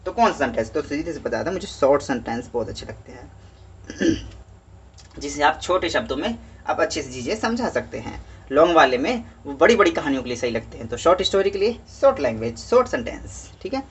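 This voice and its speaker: Husky male teacher with a scratchy throat. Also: on the high side, big pitch swings. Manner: chatty, keeps saying "okay", reads English slowly. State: scratchy throat, heavy-headed. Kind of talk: casual Hindi worksheet walkthrough.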